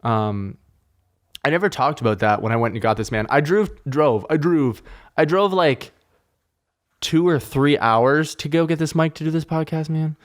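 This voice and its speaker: A man's voice: a little high, moderate pace. A man hosting his own podcast, chatting casually into a podcast microphone indoors, rambling and swearing cheerfully. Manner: rambling, profane, upbeat. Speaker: podcast host. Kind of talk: casual solo podcast chat. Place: indoor room.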